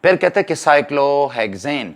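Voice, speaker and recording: A man's voice: on the high side, very animated, takes it slowly. Man teaching chemistry step by step. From Pakistan. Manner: explains step by step, mixing in English terms. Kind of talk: exam-prep lecture.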